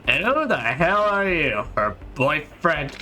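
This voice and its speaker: Man doing a rude street thug, sneering, loud, high, bright. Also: sing-song, slow, full character voice. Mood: aggressive.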